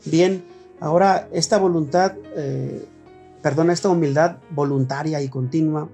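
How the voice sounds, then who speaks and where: A Mexican pastor delivers a sermon in an easy, conversational way, sometimes acting out short exchanges between people. His male voice sits fairly high and sounds warm and mellow. Faint instrumental music plays under him. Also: steady tone, measured pace. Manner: conversational preaching, acts out little dialogues.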